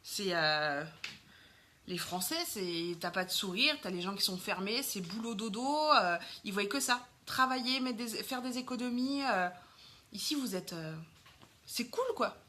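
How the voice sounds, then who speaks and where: A French woman in her thirties, speaking with a French accent, chats casually on a makeup live stream, greeting viewers as she applies her makeup. Her medium-pitched voice is animated, bright and pushed, a little slow, and full of fillers.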